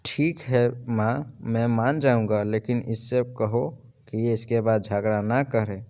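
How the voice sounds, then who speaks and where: A man's voice: medium pitch, fairly even intonation, takes it slowly, mellow. A man voicing a stern, protective son. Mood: firm. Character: grown son and husband, protective of his mother.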